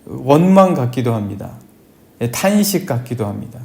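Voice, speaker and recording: A man, a pastor, giving an early morning prayer sermon in a calm, conversational way, often affirming himself with a soft "yes". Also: mid-range voice, normal speed, gravelly. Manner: reads scripture aloud and acts out plaintive prayers.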